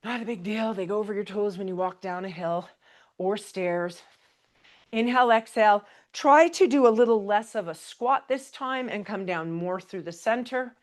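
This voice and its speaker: A woman's voice: mid-range voice, moderate pace. A woman pilates instructor leading a live exercise class, calling out counts and breath cues in a chatty, encouraging way. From Canada. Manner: chatty, laughs between cues.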